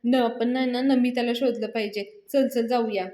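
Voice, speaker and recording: A woman's voice: on the high side, fairly even intonation, moderate pace, warm tone, natural voice. A woman takes on a tense elder brother who frets over everything. He speaks in an urging, worried way. The room around him is echoey. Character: anxious young man, the elder brother. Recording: roomy echo.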